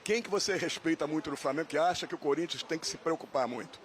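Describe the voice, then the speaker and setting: A man reporting live on location and interviewing a fan, in a brisk, lively manner. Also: fairly high pitch, slight background noise. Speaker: field reporter.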